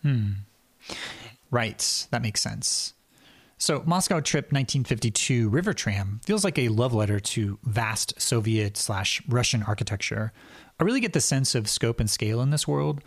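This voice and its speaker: A male interviewer with a medium-pitched voice asks thoughtful, appreciative questions. The recording is dry and close. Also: no echo.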